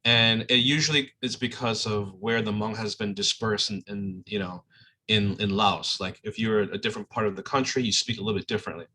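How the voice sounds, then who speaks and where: A man's voice: on the low side, steady tone, brisk, bright, forceful tone, slightly rough. A man teaching an online class, explaining a played clip in a casual way with many restarts and check-ins. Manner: talks in loose restarts and checks in with "okay?" and "all right?".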